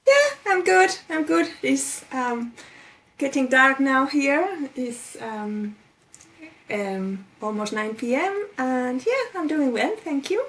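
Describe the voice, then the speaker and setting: Slow and thoughtful, a life coach from Spain chats casually as an interview guest over a video call, using fillers and restarting sentences. She's in her forties with a Spanish accent, and her high voice is expressive and slightly bright.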